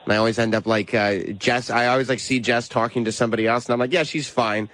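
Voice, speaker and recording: A man's voice: mid-range voice, fairly even intonation, fast, a bit bright. A male co-host telling a story in casual chat, acting out quoted lines with animation.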